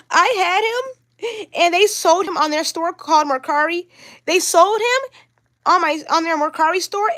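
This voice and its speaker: A woman's voice: very high-pitched, bright, forceful tone. A young woman on a livestream vlog, talking in an upset, rambling way and repeating herself. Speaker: vlogger.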